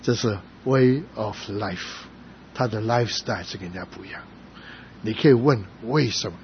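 A middle-aged male pastor preaching a sermon, telling stories with sudden loud emphatic rises. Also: lowish voice. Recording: slightly dull sound with faint noise.

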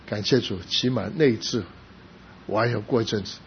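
A middle-aged man preaching a sermon as a pastor, telling a personal story with rising emphasis and sudden soft drops. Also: fairly low pitch, normal speed. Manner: emotional storytelling, rising to loud emphasis then dropping soft. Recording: slightly dull recording with faint background noise.

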